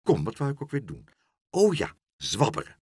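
A man voicing a strict, fussy mother who talks in a bossy, brisk way. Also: mid-range voice, wildly swooping pitch, a little mellow, slightly rough, dry recording, studio quality, exaggerated voice. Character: strict fussy mother, middle-aged woman.

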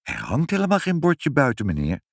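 A man's voice: mid-range voice, huge pitch swings, a little fast, gravelly, dry recording, studio quality, pitched above the performer's own voice, exaggerated voice. A man voicing a hearty, cheerful father in a storybook reading. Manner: hearty, laughing.

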